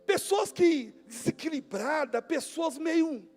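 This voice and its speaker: A man preaching a sermon as pastor, emphatic, swinging between near-shouts and hushed tones. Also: very high voice, animated, slow. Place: church hall. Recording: long church-hall reverb with music behind.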